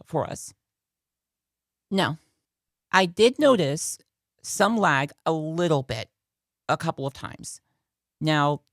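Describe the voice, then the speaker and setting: This low-pitched female reviewer hosts a relaxed product video, recorded dry with studio quality. She talks conversationally and tends to repeat phrases for emphasis.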